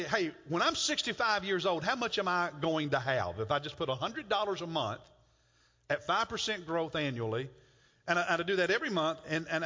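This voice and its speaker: A middle-aged pastor with a fairly high, sharp voice delivers a conversational sermon, circling back over repeated words on his way to a point. It is captured in a church sanctuary where the sound is muffled and carries a long reverb.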